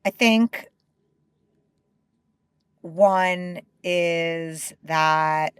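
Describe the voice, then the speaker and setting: A middle-aged company co-founder speaks openly and emotionally as an interview guest, often halting and restarting her sentences. Her voice is fairly low and clean, with no room sound.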